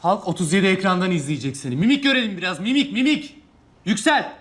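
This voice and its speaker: A man's voice: high-pitched, fast, background noise. A man playing a director at an audition in a sitcom, giving bossy, pushy instructions. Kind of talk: sitcom acting.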